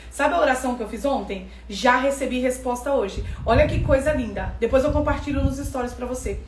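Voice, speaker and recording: A woman with a Brazilian accent giving a preaching lesson, emphatic and repeating phrases for stress. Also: sits high. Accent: Brazilian Portuguese. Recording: echoey room from far off, faint ambience.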